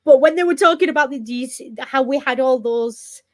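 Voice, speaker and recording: A woman's voice: sits high, a little fast, dry recording, clean studio sound. A woman co-hosting a podcast, giving blunt, opinionated commentary in casual chat. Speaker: podcast co-host.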